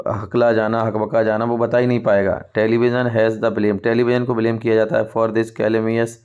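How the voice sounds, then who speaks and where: An Indian male English teacher speaks in a low, steady voice that hardly rises or falls, clear and smooth. He reads English lines aloud slowly, then explains them in Hindi. The sound is a little dull and lo-fi. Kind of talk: exam-prep lesson.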